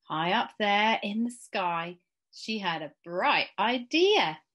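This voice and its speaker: Slow, expressive woman storyteller. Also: medium pitch. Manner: deliberate, with dramatic pauses. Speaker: school staff member reading aloud. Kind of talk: expressive children's storybook narration. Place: small indoor room at home.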